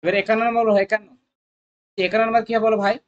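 Coaching-centre math tutor, mid pitch, rapid, drills students with constant questions. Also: fairly even intonation, highs cut off. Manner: coaxing, repetitive. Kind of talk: exam-prep math lesson.

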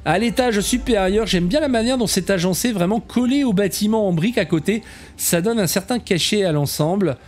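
A man with a high-pitched, slightly mellow voice talks fairly quickly while touring a game camp, chatting casually with viewers he calls "les enfants." He pokes fun at himself in self-mocking asides throughout.

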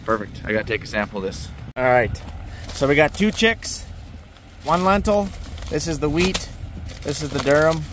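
A man's voice: a little high, animated, moderate pace, long pauses. Guy farmer walking around the yard with a camera, chatty, explaining stuff, faint outdoor noise behind. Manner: chatty, explains farm equipment plainly. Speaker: farmer vlogger. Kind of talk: casual walk-through vlog. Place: outdoors on a farm yard beside machinery.

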